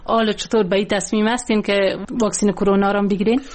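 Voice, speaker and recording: A woman's voice: mid-range voice, little pitch movement, a little mellow. A woman with an Afghan accent asking conversational questions as a radio interviewer.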